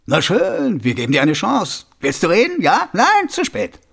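A man voicing rough city guards who taunt a prisoner in raised, mocking voices. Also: high voice, huge pitch swings, normal speed, a bit bright, pitched above the performer's own voice, heavily acted. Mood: mocking threat. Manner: taunting, brusque.

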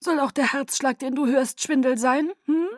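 A woman's voice: high-pitched, steady tone, moderate pace, dry recording, clean studio sound, pitched above the performer's own voice, natural voice. A woman reading an audiobook, voicing an ancient male vampire leader with a melodic, silky, theatrical manner. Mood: silky, delighted.

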